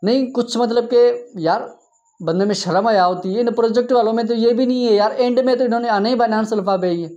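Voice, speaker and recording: A man hosting a crypto app channel, narrating over a screen share in an exasperated, scolding tone, often tagging his sentences with a quick "okay". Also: very high-pitched, mellow, muffled recording. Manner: exasperated, scolding, tags lines with 'theek hai'. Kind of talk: screen-share commentary rant.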